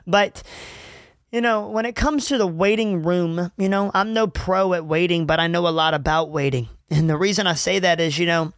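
Young male podcast host, higher voice, dry close mic; earnest, rambling, faith-focused chat. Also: moderate pace, a bit bright, no echo. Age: 20s. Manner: earnest, rambling, many fillers and restarts.

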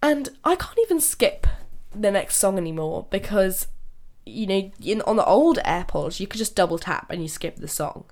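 With a medium, slightly dark voice and lively intonation, this young woman hosts her podcast alone at a moderate pace with few pauses. Being sick leaves her nasal, and her casual chatter is full of laughter and restarted sentences.

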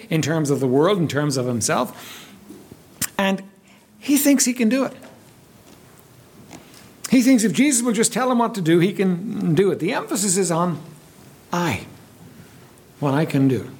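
A man's voice: high voice, darkish tone, slightly rough. A man preaching a sermon in an earnest way, often repeating and restarting his words.

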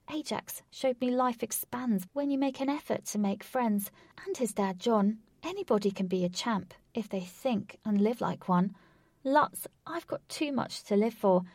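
A woman's voice: mid-range voice, darkish tone, no echo, close to an everyday voice. A woman voicing a defiant, brave young girl heroine in a storybook reading. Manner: defiant, spirited, raised voice.

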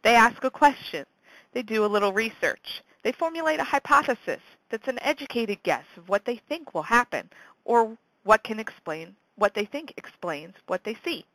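A woman presenting a scripted educational science show in a bright, curious, encouraging manner, stressing key words and posing questions to the listener. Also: a little high, lively intonation, normal speed, no echo, low-quality recording. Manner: encouraging, poses questions and answers them. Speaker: host of a homeschool science teaching show. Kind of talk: scripted explanatory presentation to parents.

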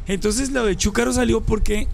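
Man, forties, Colombian accent, relaxed guest storyteller, raspy gravelly tone, slightly high voice. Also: normal speed, faint music behind. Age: 40s. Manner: relaxed storyteller, mixes local slang. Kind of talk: casual interview storytelling.

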